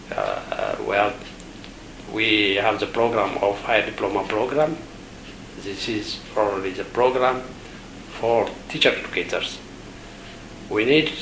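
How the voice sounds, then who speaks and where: A man from Ethiopia, an education official, giving halting interview answers with many pauses and fillers. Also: fairly low pitch, a bit bright, reverberant, slight background noise, low-quality recording.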